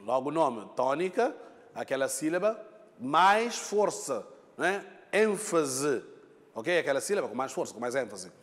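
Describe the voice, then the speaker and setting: A man's voice: mid-range voice, big pitch swings, moderate pace, big-room sound. A male teacher giving a lesson, explaining patiently, repeating points, and checking in with his students. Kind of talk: classroom lesson.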